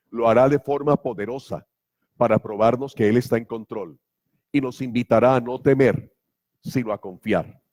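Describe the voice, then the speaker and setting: A man's voice: medium pitch, darkish tone. A man preaching a sermon as pastor, emphatic and full of rhetorical questions. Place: church.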